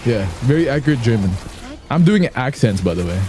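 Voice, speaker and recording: Joking male game streamer, dark voice. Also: medium pitch, very animated, a little fast. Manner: joking, rambling, self-boasting. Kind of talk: casual gameplay commentary.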